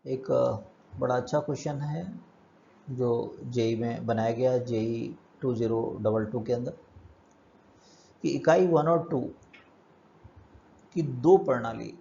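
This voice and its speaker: Man, physics teacher, explains step by step, asks himself questions, mellow voice, muffled lo-fi recording. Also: mid-range voice, takes it slowly, gravelly, pauses often, slight background noise. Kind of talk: classroom lecture.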